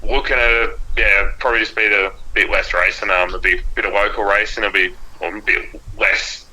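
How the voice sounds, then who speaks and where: A man with an Australian accent and a lowish, very sharp, bright voice. He talks casually as an interview guest, plain-spoken and a little hesitant as he works through his answers. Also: little pitch movement, moderate pace, rough recording. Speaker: guest, race driver and car graphics designer. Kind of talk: casual podcast interview chat.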